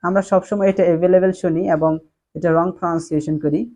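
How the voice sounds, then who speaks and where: A woman's voice: lowish voice, steady tone, warm tone. A woman teaching English pronunciation, repeating each sound and word several times. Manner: slow, drilled repetition of words. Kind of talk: pronunciation lesson.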